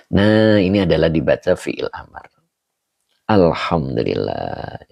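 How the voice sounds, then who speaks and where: A deep, gravelly man teaching a religious class over a video call. His voice is dark and husky, with lively rises and falls, heard dry and close. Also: no echo. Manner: slow, explanatory, reads out chat greetings. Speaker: Islamic teacher. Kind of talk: online religious study session.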